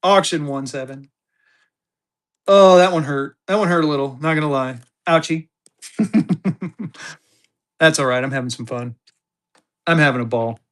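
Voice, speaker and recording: On a stream, a tired man auctions banknotes live, talking himself up in the third person while hyping bids in short, quick bursts. He speaks at a fairly high pitch.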